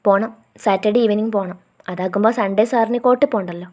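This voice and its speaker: A woman reading the lines of a caring young man who scolds his girlfriend gently and then reassures her. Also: medium pitch, fast talker, close to an everyday voice. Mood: gentle.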